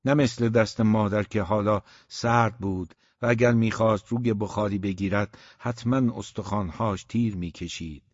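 A man narrating a novel as an audiobook in a measured, grave storytelling tone. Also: on the low side, no room sound. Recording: dull, dry recording.

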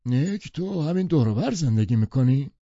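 A man voicing an aloof, condescending wealthy man with a husky voice, polite but dismissive. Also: mid-range voice, animated, mellow, no room sound, voice pushed up. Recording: dull, distant lo-fi audiobook recording.

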